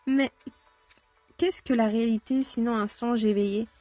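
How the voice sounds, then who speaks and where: A woman's voice: on the high side, fairly even intonation, normal speed, mellow, dry recording, faint music behind, lightly acted. A woman voicing a mysterious fairy aunt with a wand, who speaks in lofty, sage-like phrases. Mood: sagely.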